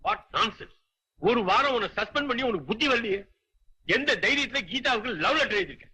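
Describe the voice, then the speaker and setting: A man's voice: very high voice, animated, fairly quick, sharp tone, breathy edge, full character voice, low-quality recording. An actor playing a stern, scolding male college principal in a 1990s film drama.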